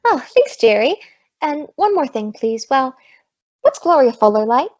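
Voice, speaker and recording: High-voiced wisecracking Maisie, played by a woman. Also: sing-song, a little slow, darkish tone, no echo, full character voice. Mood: coaxing. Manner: sassy, slangy delivery. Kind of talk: old-time radio comedy acting. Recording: dull lo-fi close dry recording.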